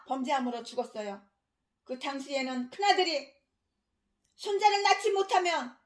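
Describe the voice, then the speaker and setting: A woman pastor giving an expository sermon in a fiery, scolding manner, swinging between shouting and low muttering.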